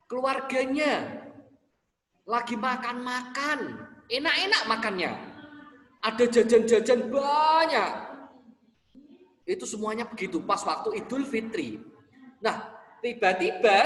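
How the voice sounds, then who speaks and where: Male religion teacher for small kids; unhurried storytelling on a video call, roomy hall echo. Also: extremely high pitch. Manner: slow, warmly drawn-out, repeats words for small kids. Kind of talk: storytelling lesson for young children.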